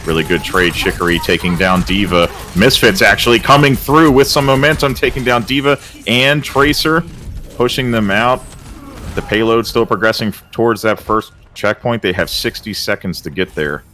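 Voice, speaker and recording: A man doing excitable play-by-play commentary for an esports match, with casual filler words. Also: lowish voice, slight background noise. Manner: excitable, gets louder and faster in big plays. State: out of breath. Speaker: esports caster.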